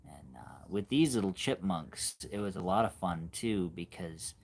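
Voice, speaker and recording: A man in his forties chatting casually on a livestream, musing in a halting way and trailing off softly at times. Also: sits low, lively intonation, creaky, breathy edge. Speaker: animator hosting a livestream.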